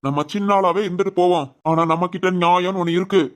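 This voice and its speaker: A man voicing a firm but loving village father in an animated family drama, with a Tirunelveli Tamil accent and a reassuring manner. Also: sits high, fast talker, lightly acted. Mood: stern. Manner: steady, reassuring.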